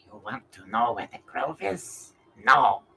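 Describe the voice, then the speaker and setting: A man's voice: mid-range voice, big pitch swings, unhurried, creaky, bright, forceful tone, distant mic, soft background music, exaggerated voice. A man voicing a small, wary goblin girl in a tabletop game, devout and forbidding, speaking in terse sentences. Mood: suspicious, forbidding. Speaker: game master voicing a character.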